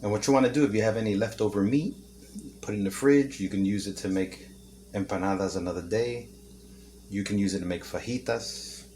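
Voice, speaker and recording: Low-ish voiced guy chatting thru a kitchen cooking vid, jokey, faint pots clanking around. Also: a little fast, warm tone, a little hiss or hum. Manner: chatty, joking, talks while eating. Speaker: home cooking video host. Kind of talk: casual cooking demonstration. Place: home kitchen. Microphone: camera mic, no camera operator.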